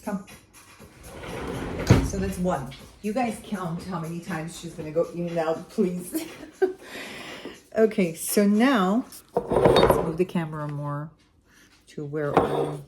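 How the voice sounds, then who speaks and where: An Armenian woman with an Armenian accent and a fairly low voice talks through a cooking vlog in her home kitchen, animated yet slow, with long pauses. She rambles casually, using many fillers and correcting herself. The recording is very noisy, with loud background music.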